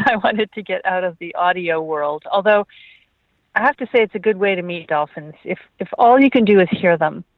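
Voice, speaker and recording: A woman scientist talks as an interview guest, unhurried and reflective, pausing and restarting as she tells her story. Her voice comes through a thin, phone-like line. There is no room around it at all. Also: on the low side, no room sound. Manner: thoughtful, storytelling with hesitations. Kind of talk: remote interview. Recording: tinny phone line, dry.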